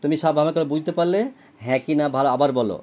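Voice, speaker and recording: A man's voice: fairly high pitch, very fast, darkish tone. Man, tutor, spells words letter by letter, keeps checking the child understands. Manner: spells words letter by letter, then gives meanings; often checks understanding with questions. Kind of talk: recorded homework lesson for a child.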